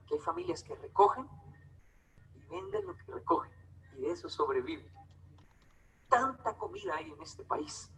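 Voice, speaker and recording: Slight background noise and poor audio surround a high-pitched man with a Bogotá Colombian accent. He entertains an audience with animated, ironic stories, performing the exchanges between the people involved.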